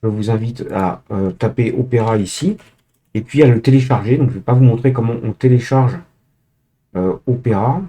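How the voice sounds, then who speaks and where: A man's voice: medium pitch, moderate pace, warm tone. A man presenting a screen-share tech tutorial, speaking to viewers directly, hesitant with many filler sounds and restarts.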